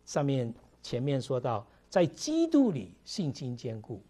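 A man's voice: medium pitch, huge pitch swings, unhurried, mellow. A middle-aged man, preaching a conversational sermon to his congregation with many fillers. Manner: conversational preaching, mixing English words, frequent fillers. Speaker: pastor.

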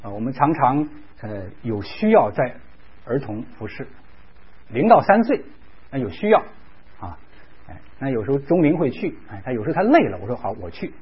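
A man's voice: mid-range voice, sing-song, normal speed, long pauses, breathy edge. A man preaching a sermon, telling a story with animation, acting out quoted voices, and dropping in English words. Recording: dull lo-fi recording.

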